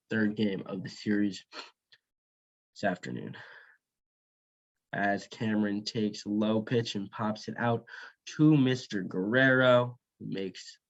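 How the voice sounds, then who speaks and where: A man giving baseball play-by-play commentary in a conversational, explanatory broadcast manner. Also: on the low side. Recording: dull, lo-fi sound.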